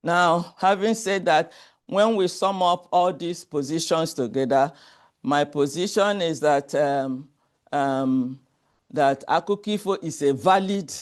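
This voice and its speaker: A man presents at an academic conference in a measured, explanatory way. His voice sits a little high for a man, and he keeps things orderly, slide by slide. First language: Igbo. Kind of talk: academic presentation with folk tale.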